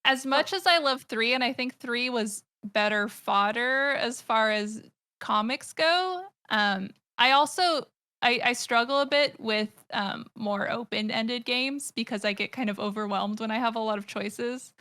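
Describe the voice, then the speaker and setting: Unhurried and smooth, this woman's fairly high voice carries a sharp edge. The speaker is a thirtysomething American comic artist and streamer appearing on a podcast. She talks casually and excitedly, wandering off track with plenty of fillers and restarts.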